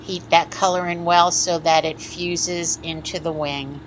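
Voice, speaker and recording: An American glass artist walks through a lampworking demo step by step, her slightly low voice calm, methodical and unhurried as she instructs. The audio is a bit muffled, with a faint hiss beneath it.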